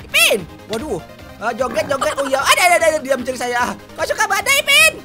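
Shrieking high-voiced woman over loud music. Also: big pitch swings, fast talker. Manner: shrieks and shouts in mock panic, talks to viewers. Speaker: gaming video host. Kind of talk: excited Minecraft gameplay commentary. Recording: loud game music behind.

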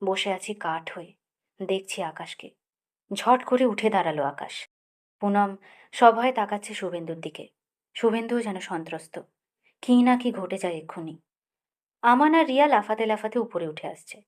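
A woman reading a novel aloud in measured, expressive first-person narration. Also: mid-range voice. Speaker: audiobook narrator. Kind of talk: literary audiobook narration.

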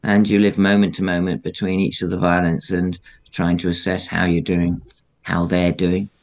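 A middle-aged man with a low, gravelly voice talks bluntly and matter-of-factly in an interview, swearing without a second thought. The audio sounds a little dull and lo-fi. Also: completely flat delivery, normal speed. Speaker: guest, former aircrew. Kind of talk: candid interview recollection.

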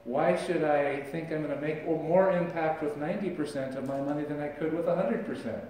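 A man's voice: on the high side, a little fast, dark tone, recorded from a distance, a little hiss or hum. A middle-aged man preaching a sermon as pastor, talking in a conversational way and gesturing as he speaks. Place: church sanctuary, large indoor room. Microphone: far camera, no visible mic. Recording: echoey church recorded from afar.

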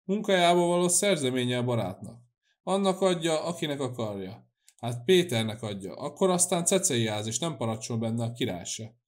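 A man's voice: medium pitch, lively intonation, lightly acted. A man voicing a stubborn old priest with a dull, muffled way of speaking in an audiobook. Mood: gruff. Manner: gruff, testy.

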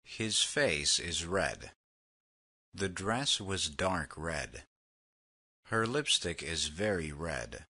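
A man reading vocabulary words and example sentences slowly, with a husky voice. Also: sits low, animated, bright, forceful tone. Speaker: vocabulary lesson reader. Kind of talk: slow read example sentences.

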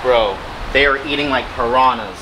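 A man in his thirties hosting a fishing vlog outdoors under a bridge by the water, chatting and joking with bursts of excitement. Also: medium pitch, normal speed, background noise. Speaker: fishing channel host. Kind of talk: casual outdoor vlog chat. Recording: background music under the talk. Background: music.

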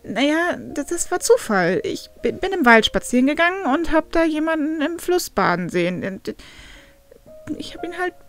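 A woman's voice: sits high, sing-song, normal speed, faint music behind, pitched above the performer's own voice. A woman voicing a flustered young man who stammers and talks defensively.

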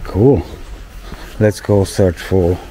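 A young man from Romania walks through a town outdoors, narrating his travel vlog to viewers into a handheld camera mic. His voice is low and dark-toned, his speech slow, full of exclamations and loose fillers. A faint hiss of noise sits under him. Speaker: travel vlogger. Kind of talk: casual walking vlog.

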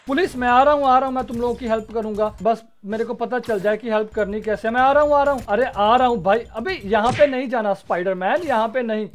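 A man's voice: very high-pitched, fast, hardly any pauses, slight background noise. A man giving comic, playful commentary while playing a game, bantering with the characters on screen. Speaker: gaming YouTuber.

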